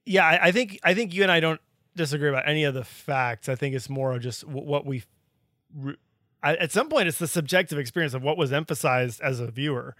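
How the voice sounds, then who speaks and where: A man's voice: fairly high pitch, fairly quick, bright, forceful tone, no room sound, studio quality. A man co-hosting a podcast, talking conversationally and often restarting his sentences. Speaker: podcast co-host. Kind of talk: casual discussion.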